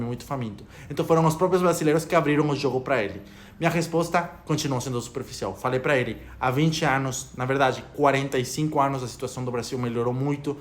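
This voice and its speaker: In casual Portuguese carrying a Spanish-speaking Ecuadorian accent, a young vlogger rambles opinionatedly to his camera. His voice is medium-pitched, with slight background noise behind it.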